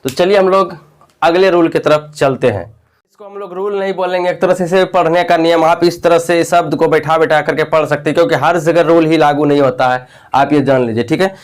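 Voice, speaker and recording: A man's voice: on the high side, fairly even intonation, fairly quick. A man gives a patient pronunciation lesson. He spells each word out letter by letter and repeats it several times. He keeps checking in with his viewers as he goes. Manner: repetitive, spells words letter by letter; addresses viewers directly with frequent "okay". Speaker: English teacher.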